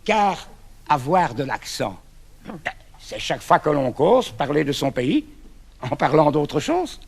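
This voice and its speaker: Husky, gravelly Brussels man. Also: on the high side, very animated, slow pace. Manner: emphatic, proud. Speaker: comic performer. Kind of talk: comic sketch with recited verse.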